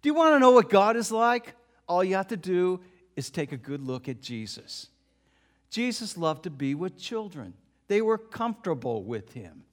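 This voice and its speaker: Man, preacher, high voice, dramatic sermon, hushed then booming emphasis.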